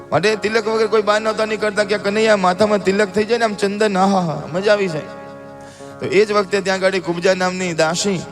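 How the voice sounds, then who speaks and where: Male religious storyteller, high voice, theatrical, devotional sermon, music playing behind. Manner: lively, theatrical, addresses the audience. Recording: live talk with music behind.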